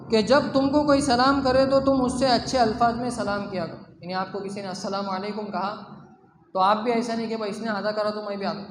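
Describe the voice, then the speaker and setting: A man with a very high voice preaches a sermon in a hall with long, roomy echo. He keeps asking questions of his listeners and answering them himself, and he weaves Arabic quotations into plain talk. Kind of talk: Islamic sermon. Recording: echoey hall, faint background noise.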